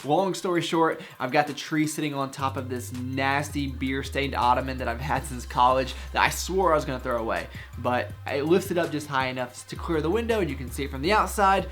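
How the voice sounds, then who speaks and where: A man's voice: medium pitch, a little fast, hardly any pauses, fairly bright tone. Chatty young man vlogging over faint music. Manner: chatty and upbeat, self-mocking asides. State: out of breath after lifting. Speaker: fitness vlogger. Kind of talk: casual vlog talk to camera. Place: home gym.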